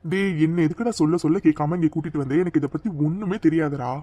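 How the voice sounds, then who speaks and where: A performer voicing a gruff but caring young man in a cartoon. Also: medium pitch, fast talker, warm tone, no room sound, close to an everyday voice. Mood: earnest. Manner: gruff, earnest. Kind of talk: cartoon dialogue.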